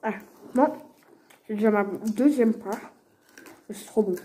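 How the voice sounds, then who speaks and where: A woman's voice: mid-range voice, slow, mellow, slight background noise. A young woman chatting casually in a food tasting vlog while she eats, talking with her mouth full.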